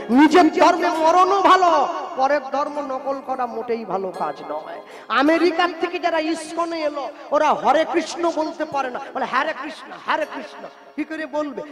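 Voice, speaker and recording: Male kirtan preacher, emphatic and scolding, high-pitched voice, long hall reverb, music behind. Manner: emphatic, scolding preacher who chants lines for a chorus. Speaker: kirtan performer. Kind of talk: devotional sermon with sung verse.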